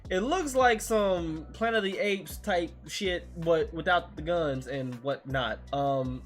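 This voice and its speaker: A man with a slightly high voice hosts a casual gaming news podcast, speaking slowly with faint music behind him. He reads news items aloud and jokes around in laid-back, slangy banter.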